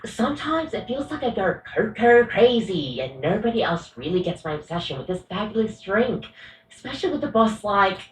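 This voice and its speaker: A woman's voice: medium pitch, sing-song, moderate pace, reverberant, distant mic, slight background noise, lightly acted, rough recording. A woman voicing a rambling, coffee-obsessed female coffee machine barista in a video game, often apologizing and correcting herself.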